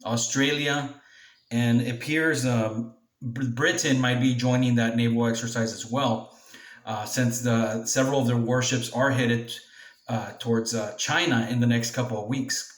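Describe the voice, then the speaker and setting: A man reading a news article aloud as a commentator, halting now and then as he stumbles over words. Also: medium pitch, steady tone. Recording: echoey room, distant from mic.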